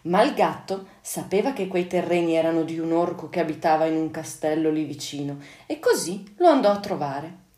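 Lady teacher telling a kids' fairy tale, lowish voice, echoey room. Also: lively intonation, warm tone. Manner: clear, unhurried storytelling. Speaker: storyteller, teacher. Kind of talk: children's story reading on radio.

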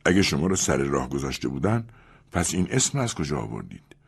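A man's voice: very deep voice, very animated, vocal fry, breathy edge, heavily acted. A man voicing a wronged rich man in an audiobook, stern and accusing. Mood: questioning. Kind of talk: audiobook character reading.

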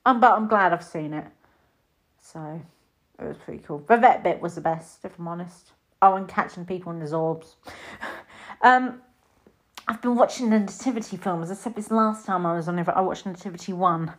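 Chatty British woman in her thirties. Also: normal speed. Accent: British English. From Britain. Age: 30s. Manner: chatty and rambling, mimics her own reactions in sudden high bursts. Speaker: film reviewer. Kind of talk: casual chat.

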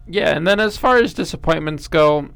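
Male co-host, a bit high, with a gravelly edge; reads standings steadily, teases his partner. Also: expressive, moderate pace, fairly bright tone, dry recording. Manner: jokey, teasing banter. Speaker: podcast co-host. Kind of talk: casual sports chat.

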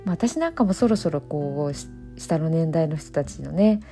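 Woman, 50s, Okayama dialect; deep mellow tone, unhurried reflective monologue with soft fillers. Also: expressive, faint music behind. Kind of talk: casual solo monologue.

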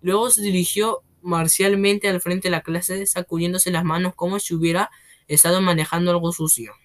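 A narrator reads a children's novel aloud in a steady storytelling manner, the voice sitting at a plain middle pitch. It drops lower on each speech tag. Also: normal speed.

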